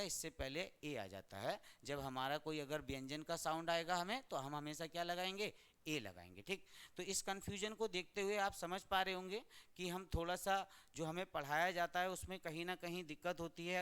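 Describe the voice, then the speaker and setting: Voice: mid-range voice, fairly bright tone, clean tone. A teacher from India giving a grammar lesson, who keeps asking the class questions and answering them.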